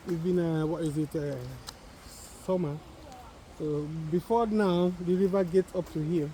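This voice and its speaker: A calm man chats outdoors in a family vlog, measured and gently contrary. A faint countryside ambience sits behind him. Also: on the high side, a little hiss or hum, low-quality recording. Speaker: father, co-host. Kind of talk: casual family vlog chat.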